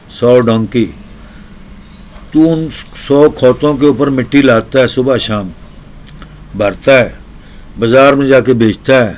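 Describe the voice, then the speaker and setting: Guy doing a kind old king in a folk tale, lectures on and on in lists, bossy but warm. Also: mid-range voice, close to an everyday voice. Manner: lecturing, praising and scolding in long lists. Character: generous wise old king, kindly and commanding.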